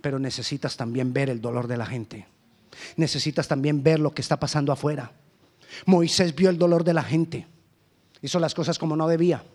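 A Colombian man preaching a sermon as pastor, swinging between loud emphasis and hushed lines. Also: a little high, brisk. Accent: Colombian Spanish.

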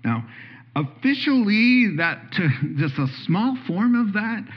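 A man preaching a sermon with animated delivery, jumping up in pitch for quoted speech and chuckling now and then. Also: takes it slowly, lo-fi sound. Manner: animated, jumps into high voices for quoted speech, chuckles often. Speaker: pastor.

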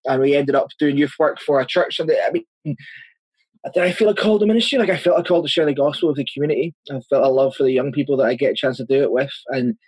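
Speaking at a medium pitch, a church planter in his thirties from Northern Ireland chats earnestly through interview questions, restarting often. His Northern Irish accent is clear, the room has no echo, and the recording is low quality.

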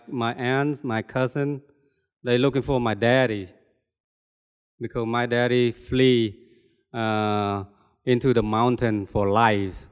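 An older Cambodian-accented man preaches his testimony in a plain, earnest way, repeating himself as he searches for words. His voice is smooth and resonant, with a long reverb trailing off in a church hall. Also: mid-range voice. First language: Khmer. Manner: earnest, halting, plainspoken with repetitions. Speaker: lay preacher. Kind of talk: personal testimony sermon.

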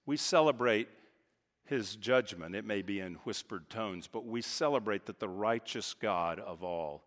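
A man from Texas preaching a sermon as pastor, talking with emphatic swings from loud, high points to quiet, low asides. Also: a little slow. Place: church sanctuary. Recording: reverberant church hall.

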